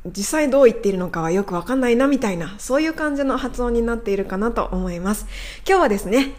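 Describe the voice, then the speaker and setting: A woman hosting an educational radio lesson as a pronunciation coach. She explains politely and repeats words slowly. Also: fairly high pitch.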